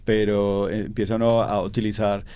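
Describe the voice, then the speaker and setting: A crowd can be heard behind a young Colombian interview guest with a paisa accent as he offers reflective, conversational answers packed with fillers and repeated words. He speaks at a normal speed in a fairly low, level voice.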